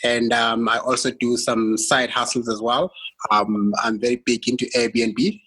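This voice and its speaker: A man from South Africa introduces himself in a relaxed, personal way. His voice is husky yet bright and forceful. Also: mid-range voice, a little slow, rough recording. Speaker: guest, logistics worker.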